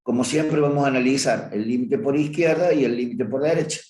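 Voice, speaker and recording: In a review lecture on limits, a man with a medium-pitched, slightly mellow voice speaks a bit fast in a plain middle register. Working his way through a graph, he often stops to fix what he just said. There's a roomy echo around him.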